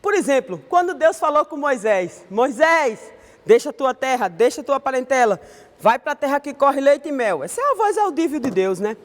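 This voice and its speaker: In a high voice with big-room sound, a Brazilian-accented woman leads an online Sunday school Bible lesson. She keeps it conversational and frequently closes her sentences with a questioning tag.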